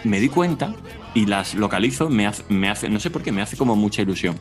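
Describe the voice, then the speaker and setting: A man's voice: on the low side, animated, fairly quick, faint music behind. A man co-hosting a talk show, rambling and breaking into laughs as he talks. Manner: rambling, laughs mid-sentence. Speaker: co-host. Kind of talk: casual chat.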